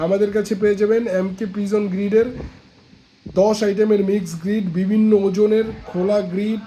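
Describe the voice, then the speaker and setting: A man from Bangladesh giving a casual sales pitch, persuasive and repetitive, pointing out products as he talks. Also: little pitch movement, a little fast, warm tone, slight background noise, low-quality recording. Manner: persuasive, repeats points, shows products while talking. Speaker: seller pitching a pigeon feed dealership.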